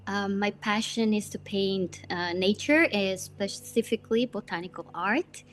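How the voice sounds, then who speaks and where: A woman's voice: medium pitch, a little slow, a little hiss or hum. A woman from Costa Rica, a watercolor artist in her thirties, talking thoughtfully about her work with many fillers. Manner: thoughtful, with frequent fillers and soft laughs. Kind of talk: reflective personal interview.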